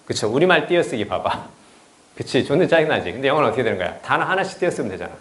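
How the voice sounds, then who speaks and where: Speaking fast and very animatedly, a man with a medium-pitched, fairly bright voice teaches English in a relaxed lecture. He's chatty and blunt, swears a lot, and keeps asking his students "right?", all in a room with noticeable echo.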